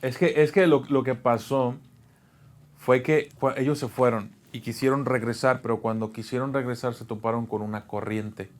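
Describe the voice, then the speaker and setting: A man asks questions and calmly recaps a friend's story in a casual interview. His voice is mid-pitched and even. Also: normal speed. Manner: calm, explains and sums up.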